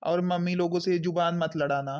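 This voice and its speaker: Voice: medium pitch, steady tone, fairly quick, a little mellow, natural voice. A performer playing a young husband who reasons with his family to defend his new wife in a skit. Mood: reassuring. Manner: pleading, reasoning. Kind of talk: village family skit acting. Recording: dull lo-fi sound.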